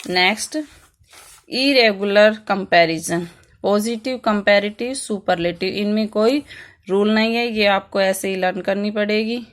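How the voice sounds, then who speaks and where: A woman's voice: mid-range voice, a little slow. A woman teaching an online English grammar lesson with an Indian English accent, reading rules out and explaining them in Hindi. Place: Rajpura, Punjab.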